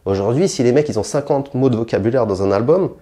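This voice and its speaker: Fast and warm, with lively intonation, a young Frenchman being interviewed as a rapper fires back blunt, provocative answers. He stumbles through restarts and fillers, and his pitch and force climb as he heats up.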